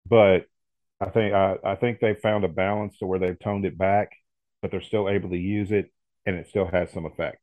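A very low-pitched man co-hosts a casual podcast, easygoing and agreeable. He restarts his sentences often and fills gaps with "yeah". The audio is narrow and phone-like. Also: fairly even intonation, normal speed, no room sound. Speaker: podcast co-host. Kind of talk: casual chat.

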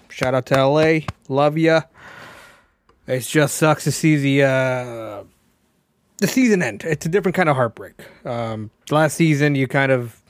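A man's voice: a little high, dry recording, clean studio sound. A man hosting a casual sports recap, talking off the cuff and repeating phrases for emphasis. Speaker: sports show host. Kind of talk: casual hockey recap commentary.

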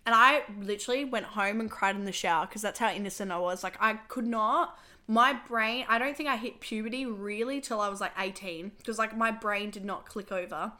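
A woman's voice: medium pitch, bright, forceful tone. A young adult woman, hosting a podcast in casual, chatty, confessional talk, her voice a little worn as she loses it. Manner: chatty, filler-heavy, confessional. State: losing her voice. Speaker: podcast host.

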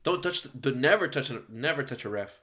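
Fast-talking animated podcast host man. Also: mid-range voice. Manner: animated, swearing, laughing. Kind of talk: casual storytelling chat. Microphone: podcast mic.

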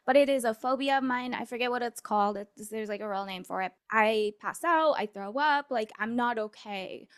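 A woman's voice: on the high side, moderate pace, few pauses, smooth. A woman co-hosting a podcast, telling a story in casual chat with lots of fillers and restarts. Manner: rambling, filler-heavy storytelling. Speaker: podcast co-host.

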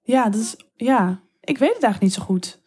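A woman guest talking openly and eagerly in an interview, speeding up in quick bursts. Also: fairly high pitch, expressive, darkish tone, breathy edge. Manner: open, enthusiastic, quick bursts with laughs. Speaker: guest telling erotic stories. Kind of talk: interview conversation.

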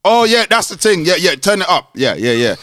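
A man's voice: sits high, big pitch swings, brisk, a bit bright, dry recording, clean studio sound. A man with a London roadman accent, co-hosting a podcast in casual, slang-heavy banter. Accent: London, urban street slang. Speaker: podcast co-host.

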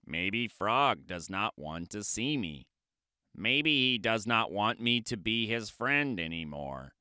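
A small, earnest toad who worries about his friend, his voice dropping low and quiet, as a man reads him. The delivery stays slow and the sound is dry and close. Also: lively intonation, clear, resonant tone, dry recording, exaggerated voice. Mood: worried. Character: anxious devoted male toad, small and earnest.

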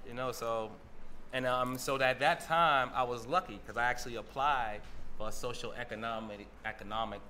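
A male guest from Roxbury, Boston, with a bright, forward voice that carries some edge. He talks loosely and casually, restarting phrases and scattering fillers through his answers. A faint ambience hangs behind him. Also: mid-range voice, fairly even intonation, moderate pace, a little hiss or hum. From Roxbury, Boston, USA. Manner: loose, fillers like "you know", many restarts. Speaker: guest, entrepreneur. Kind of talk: casual interview chat.

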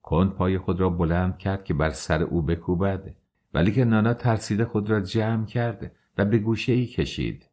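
A man narrating a classic novel in a measured, formal storytelling manner. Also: sits low, steady tone, darkish tone. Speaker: audiobook narrator. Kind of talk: literary audiobook narration.

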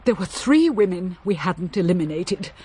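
A woman's voice: fairly low pitch, big pitch swings, normal speed, mellow, breathy edge. A woman playing a blunt, brusque countrywoman in a radio drama, distraught after a shock. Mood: urgent.

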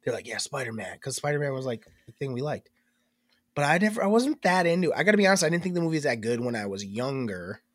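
On a dry, studio-quality recording, a young man with a medium-pitched voice talks quickly while co-hosting a laid-back podcast. His nose is blocked, and he rambles with lively energy, often breaking off his own sentences.

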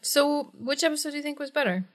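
A woman co-hosting a podcast in casual chat, animated and teasing, laughing often. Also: high voice, quick pace. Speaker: podcast co-host.

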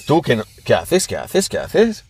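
A young man, loudly boasting and trash-talking as a quiz contestant among friends, hoarse from shouting. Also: medium pitch, huge pitch swings, unhurried. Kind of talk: rowdy casual chat among friends.

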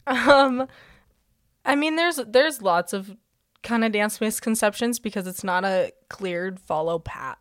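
A woman's voice: mid-range voice, no echo, clean studio sound. A young woman and dancer, a podcast guest, chatting casually and giggly with many fillers. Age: young adult. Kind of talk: casual chat.

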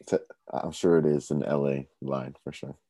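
A man's voice: very deep voice, steady tone, moderate pace, crowd noise. A man co-hosting a casual sports chat, easygoing, mostly answering in short agreeing replies. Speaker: co-host.

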